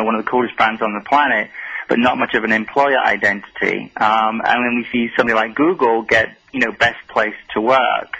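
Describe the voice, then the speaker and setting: A man's voice: medium pitch, gravelly, bright, forceful tone, husky. A man calling in to a radio show over a clipped phone line, talking hesitantly with many fillers. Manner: hesitant, full of um and you know. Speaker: radio call-in caller.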